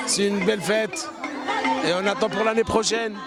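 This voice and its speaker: A man giving a street interview at an outdoor festival, speaking slowly and haltingly. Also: high voice, steady tone. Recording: loud music and crowd, distant from mic.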